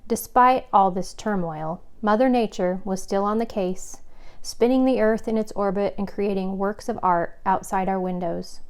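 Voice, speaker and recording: A woman's voice: medium pitch, moderate pace, clear, resonant tone. Woman narrating her own mystery novel. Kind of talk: audiobook narration in first person.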